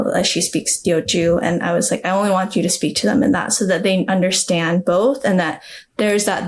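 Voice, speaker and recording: Chatty young woman author, reflective. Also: fairly low pitch. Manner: chatty and reflective, many fillers. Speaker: children's book author. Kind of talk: podcast interview.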